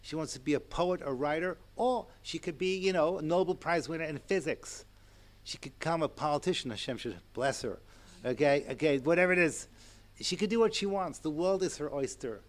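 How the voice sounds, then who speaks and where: A man in his sixties giving a Torah lecture to an audience, animated and chatty, with asides and chuckles. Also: a little high, fairly quick. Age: 60s. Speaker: rabbi and lecturer.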